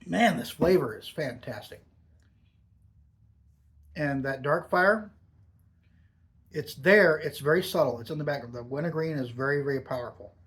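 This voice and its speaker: A man's voice: on the high side, moderate pace, pauses often, a bit bright. Casual man talking around a lipful of dip. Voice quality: talking with a lip full of dip pouches. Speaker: product reviewer. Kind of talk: casual off-the-cuff product review.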